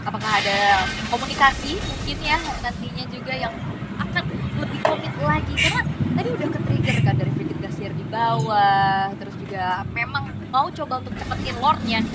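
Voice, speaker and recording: A woman's voice: on the high side, expressive, brisk, a loud crowd. A woman with an Indonesian accent giving live game commentary and analysis as an esports caster. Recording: noisy crowded arena, slightly distant mic.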